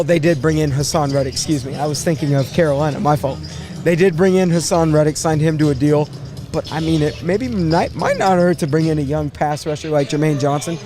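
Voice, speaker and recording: A man hosting a casual live sports draft show, thinking aloud in a halting way and repeating words as he goes. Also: a little high.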